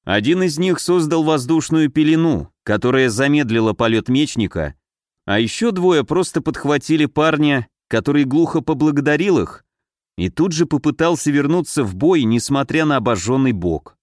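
A man narrating a fantasy audiobook in a steady, even reading voice. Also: fairly high pitch, normal speed, dry recording, clean studio sound.

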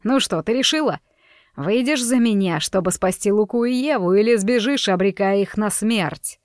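A woman's voice: medium pitch, moderate pace, a little mellow, no room sound, clean studio sound, natural voice. A woman voicing Dante, a sneering mobster groom. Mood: menacing. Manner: taunting, sinister. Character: menacing young male mobster groom, cruel and mocking.

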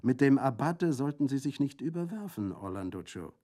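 A sly, jovial bandit drops knowing, mocking remarks, as a male reader puts him on. His voice rides higher than the narration. It is an audiobook reading. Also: big pitch swings, normal speed, dark tone.

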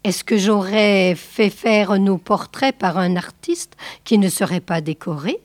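A woman's voice: medium pitch, unhurried, no echo, natural voice. A woman voicing a vain, pompous retired merchant, an older man who exclaims and boasts. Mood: boastful.

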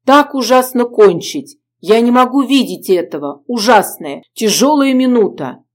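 A woman's voice: a little high, animated, a little slow. Woman reader doing an anguished male army captain, pleading, audiobook. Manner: distressed, pleading. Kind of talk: audiobook reading.

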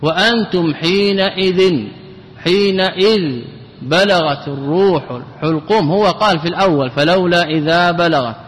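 A male teacher gives a grammar lesson in a fairly high voice, laying out each rule step by step and repeating key phrases. He slows right down whenever he recites an example. His voice carries a long reverb, as if he were speaking in a large hall. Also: a bit bright. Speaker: Islamic scholar teaching Arabic grammar.

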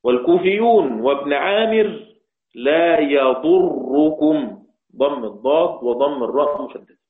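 Egyptian male teacher, repeats phrases, chants verses slowly, echoey, tinny phone-like sound. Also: on the high side, lively intonation. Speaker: Quran recitation teacher. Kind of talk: religious lesson explaining readings.

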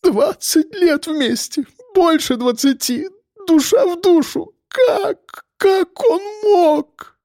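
A sobbing, shrill betrayed wife. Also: male voice, lively intonation, takes it slowly, a little mellow, dry recording, clean studio sound, heavily acted. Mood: heartbroken. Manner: shrill, trembling, pleading. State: crying.

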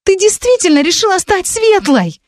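A woman playing a shrill, bossy young witch. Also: big pitch swings, fairly quick, no room sound, clean studio sound. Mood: indignant. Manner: shrill, scolding, exclaiming. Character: sharp-tongued young witch girl, purple-haired, bossy.

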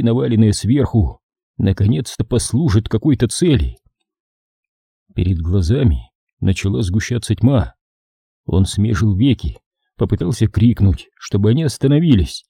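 A man reading an audiobook as narrator, in a steady, measured voice. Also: fairly low pitch, slightly rough, no echo, clean studio sound. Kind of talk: scripted narration.

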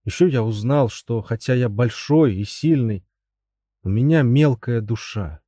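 Figure: gloomy self-loathing knight, voiced by a man. Tone: dark. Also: mid-range voice, a little slow, no echo, clean studio sound, natural voice. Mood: glum. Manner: glum, plain-spoken. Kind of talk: audiobook character voice.

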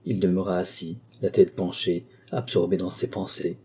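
A man narrating a novel as an audiobook, in a measured, even reading. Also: sits low, husky.

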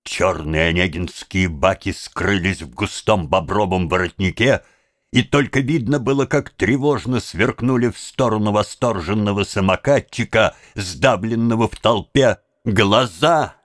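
A man reading a novel aloud as narrator, expressive and unhurried. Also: fairly low pitch, no echo, clean studio sound.

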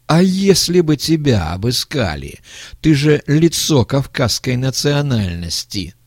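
A menacing bearded older criminal, slow and low, who drops his words one at a time, as a man reads him. This is a storybook reading with a dry, close sound. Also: sing-song, no room sound. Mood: furious. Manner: slow, low, clipped interrogation, explodes into shouting.

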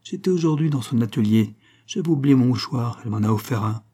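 A man doing a calm, mocking Spanish nobleman. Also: mid-range voice, brisk, close to an everyday voice. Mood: dismissive. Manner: calm, dismissive, amused.

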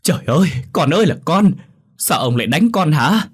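A man voicing a gentle, nagging middle-aged mother who pleads with her daughter, in a spoken horror story. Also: lowish voice, animated, a little fast, husky. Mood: pleading.

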